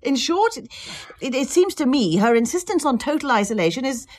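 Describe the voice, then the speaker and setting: Measured doctor: formal, careful, lively pitch. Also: female voice.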